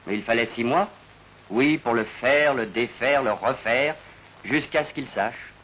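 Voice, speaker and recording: A man narrating a 1950s broadcast documentary in a measured, formal manner, sometimes posing rhetorical questions. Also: medium pitch, a bit bright, slight background noise, rough recording. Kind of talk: scripted narration. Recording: narration over clear background music.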